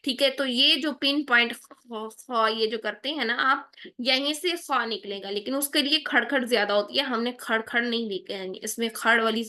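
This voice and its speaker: A woman's voice: on the high side, sharp tone. A woman teaching Quran pronunciation in an online lesson. She explains patiently and keeps checking in with "theek hai".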